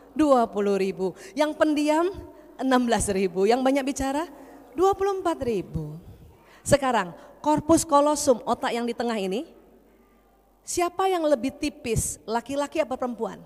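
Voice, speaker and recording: Playful woman doctor lecturing in a hall. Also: fairly high pitch. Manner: playful, teasing, quizzes the audience. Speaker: doctor giving a seminar. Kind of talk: humorous seminar talk to a women's religious group.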